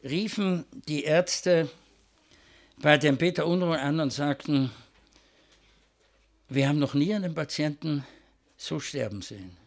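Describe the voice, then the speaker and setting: A man with a rather high, gravelly voice preaches a sermon. He tells a story and at times rises to fervent emphasis. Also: a little slow, long pauses. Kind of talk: sermon with closing prayer.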